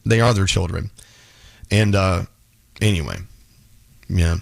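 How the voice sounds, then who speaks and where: Male radio host, low gravelly voice, dry close studio mic, halting heartfelt chat. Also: no echo. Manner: emotional, halting, many restarts. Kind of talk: casual morning radio chat. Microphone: studio microphone.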